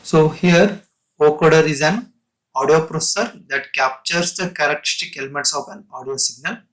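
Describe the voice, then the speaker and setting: Lecturing on technical material, a man explains haltingly, splitting sentences into short phrases and restating terms. His voice sits on the high side and sounds a bit bright, though the audio is poor.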